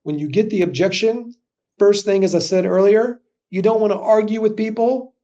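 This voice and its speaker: A man's voice: high voice, normal speed, lo-fi sound. A man teaching sales objection handling in a live webinar, talking casually and acting out customer dialogue. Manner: energetic, conversational, acts out customer dialogue. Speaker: sales trainer. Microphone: video call.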